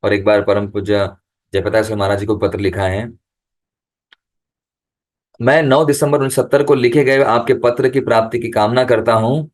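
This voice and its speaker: A man's voice: on the low side, fairly even intonation, darkish tone. Man giving a devotional talk. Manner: reads letters slowly and aloud, then explains them; chants the holy name in a rising, lifted voice. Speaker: devotional speaker. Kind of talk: devotional discourse over video call. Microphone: video call.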